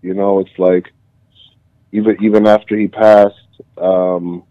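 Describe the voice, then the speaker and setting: A man's voice: low-pitched, flat delivery, a little slow, no room sound. A man reflecting on a late friend's legacy on a call, hesitant with many fillers. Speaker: friend sharing memories on a call. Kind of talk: casual conversation. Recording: muffled lo-fi call audio.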